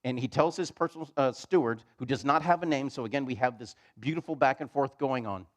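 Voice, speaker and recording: A man's voice: mid-range voice, fairly quick. A man preaching a midweek sermon in a church, retelling scripture in casual modern words. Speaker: pastor. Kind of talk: expository sermon.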